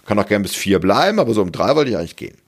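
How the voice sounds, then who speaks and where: A man's voice: fairly low pitch, sing-song, very fast. A man voicing a sensible, self-protecting inner woman's voice who sighs and sets her limits. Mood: reluctant. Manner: sighing, reluctant, setting limits.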